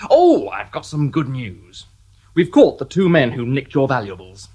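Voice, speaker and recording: A shrewd, wry police inspector in a radio drama, needling suspects with dry, sardonic politeness. His voice is lively and moves over a wide range. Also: mid-range voice, measured pace, breathy edge, heavily acted.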